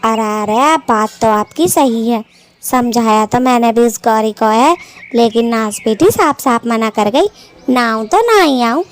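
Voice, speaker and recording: This is a sharp-tongued old mother-in-law bird from a cartoon, acted by a woman, with a high voice. She taunts and scolds in rustic village speech and never lets up. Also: measured pace, lightly acted. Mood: complaining.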